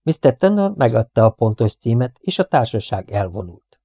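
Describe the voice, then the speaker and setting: Brief: male audiobook narrator, warm mellow tone, dry close recording, measured pace. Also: mid-range voice, sing-song, husky, dry recording. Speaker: audiobook reader. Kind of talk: scripted narration.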